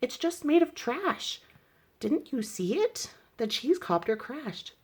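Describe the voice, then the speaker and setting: A woman's voice: high voice, sing-song, slow, breathy edge, voice pushed up, heavily acted. A woman voicing a shy, easily discouraged young girl inventor in a children's storybook, earnest and full of self-doubt. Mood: dejected.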